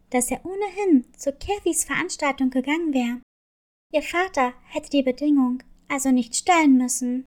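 A woman narrating a children's bedtime story in a calm, gentle way. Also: sits high.

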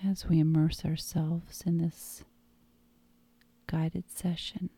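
A woman leads guided hypnosis in a very dark, mellow, breathy voice that often sinks toward a whisper. Her delivery is calm and meditative, drawn out at an unhurried, slow pace. The sound is dry and close. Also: sits low, dry recording.

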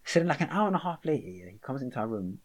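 A man's voice: medium pitch, racing, slightly rough. A young man with a London accent, chatting casually and telling stories in heavy slang. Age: young adult. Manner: slang-heavy, animated storytelling. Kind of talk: casual chat, storytelling.

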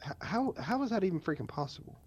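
A man co-hosting a casual fantasy football podcast from home over a remote call, teasing and quick to argue his picks. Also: high voice, sing-song, darkish tone, husky, no echo, dull audio. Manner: argumentative, teasing. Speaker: podcast co-host. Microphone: remote call mic.

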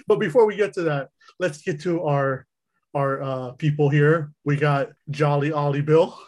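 A man with a slightly high voice hosts a loose group chat, rambling and giggling through his words. He keeps breaking into laughter and rarely finishes a thought cleanly. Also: unhurried, a little mellow. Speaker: podcast host. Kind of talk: casual chat.

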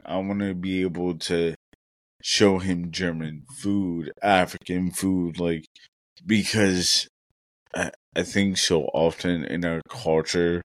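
A man's voice: low-pitched, dry recording. A young man co-hosting a casual podcast, talking in an earnest, reflective way and thinking aloud with many fillers. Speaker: podcast co-host.

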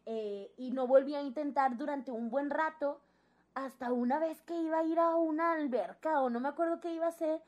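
A young Mexican-accented woman, high-voiced and fairly quick, tells a story from her own life in an informal chat. She narrates with energy and takes on the voices of the characters she quotes.

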